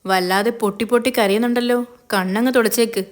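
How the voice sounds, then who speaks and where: A woman's voice: fairly high pitch, fairly even intonation, fast talker, lightly acted. Woman voicing a teasing, knowing young friend. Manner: teasing, probing.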